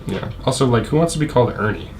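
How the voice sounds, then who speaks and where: A man's voice: mid-range voice, expressive, fast, darkish tone, a little hiss or hum. A man co-hosting a casual podcast chat, rambling, laughing often, and trailing off mid-thought. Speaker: podcast co-host.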